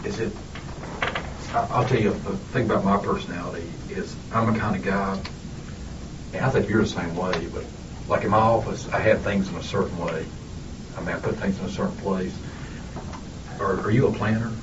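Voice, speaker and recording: Male detective, fairly low voice, conversational questioning, dull sound with noticeable noise. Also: fairly even intonation, moderate pace, pauses often. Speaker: police interrogator. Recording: muffled, noisy police recording, distant mic.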